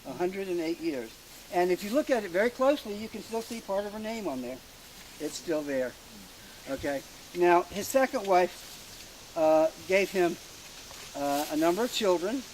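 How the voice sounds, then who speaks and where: A middle-aged man with a somewhat high voice tells family stories to relatives gathered outdoors. He speaks in a halting, informal way, stopping often with fillers and restarting his sentences. Faint outdoor noise sits behind him. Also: lively intonation, darkish tone, rough recording. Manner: hesitant, halting delivery with many fillers and restarts. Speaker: family historian speaking at a family reunion. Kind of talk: informal storytelling speech to a gathered group. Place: outdoors at a rural graveside.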